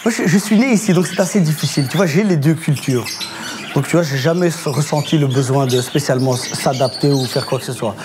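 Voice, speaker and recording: A man's voice: on the high side, quick pace. Man with a raised voice in a noisy street. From Belgium. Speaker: shopkeeper interviewee. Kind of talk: street interview answers. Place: outdoors on a street.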